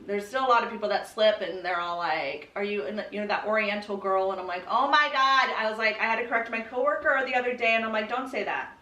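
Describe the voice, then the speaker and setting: A young woman from California, United States, speaks as a podcast guest telling her personal story, candid and casual, full of swearing, "like" and "you know". Her mid-range voice is pushed and bright, moving at a quick pace with few pauses. The muffled recording has a roomy echo, and she sits distant from the mic.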